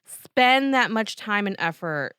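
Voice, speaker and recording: Woman podcast co-host, East Coast American accent, sharp bright tone, dry close sound, chatty and easygoing. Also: mid-range voice, lively intonation, slow, clear, resonant tone, no echo. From New Jersey. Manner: chatty, restarts often, laughs easily. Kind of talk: casual chat.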